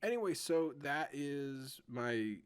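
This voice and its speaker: Podcast guy, deadpan and offhand, voice bounces all over. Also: medium pitch, slow, clean tone. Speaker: podcast co-host. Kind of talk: casual group chat.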